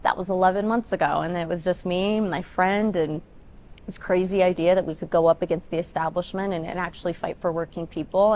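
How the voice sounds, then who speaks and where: A woman's voice: fairly low pitch, a little mellow, a little hiss or hum. A woman in her twenties, raised in Denver, answering interview questions as a congressional candidate, earnest, with many ums. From Ethiopia, raised in Denver. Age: 20s. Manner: earnest, talks in long run-on points with many ums.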